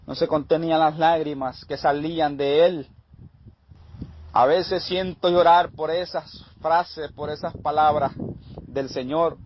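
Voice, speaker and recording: A man's voice: fairly high pitch, muffled recording. A man preaching and giving a testimony in an emphatic, fervent style. He repeats his phrases in a rhythmic chain. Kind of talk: sermon testimony.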